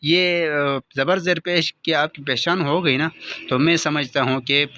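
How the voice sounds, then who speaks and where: A male teacher giving an online reading lesson, patiently explaining step by step and slowly sounding out each letter and vowel in drills. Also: a little high, steady tone, noisy background.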